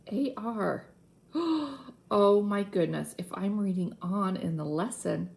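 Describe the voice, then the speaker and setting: A woman teacher giving a phonics lesson to young children, animated and full of mock surprise. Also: medium pitch, gravelly.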